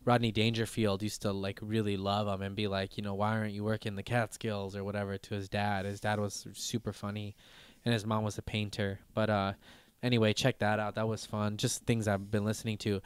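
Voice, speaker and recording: A man in his thirties rambles loosely through a podcast chat, full of fillers, restarts and casual swearing. His voice is smooth and clear, at an everyday pitch, and it sounds dry and close on the mic. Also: flat delivery, a little fast, no echo. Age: 30s. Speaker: podcast host.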